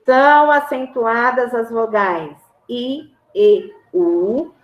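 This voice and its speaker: A woman's voice: fairly high pitch, very slow, highs cut off. A woman with a Brazilian Portuguese accent teaching a grammar lesson to a class, patiently repeating answers and checking that everyone follows. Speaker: schoolteacher. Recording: roomy echo.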